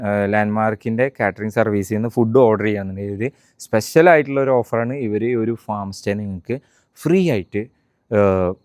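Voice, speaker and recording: A man's voice: on the low side, darkish tone, dry recording, studio quality. A man with a Malayali accent giving a casual, chatty walking-tour vlog, mixing English words into Malayalam as he talks to viewers and companions. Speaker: vlog host.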